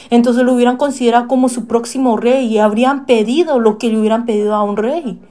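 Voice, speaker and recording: A woman delivering a sermon in a fairly high voice. She puts questions to her listeners and often pauses on fillers as she finds her words. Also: mellow. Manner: asks the listeners questions and acts out quoted pleas; hesitant, with frequent fillers. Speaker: preacher.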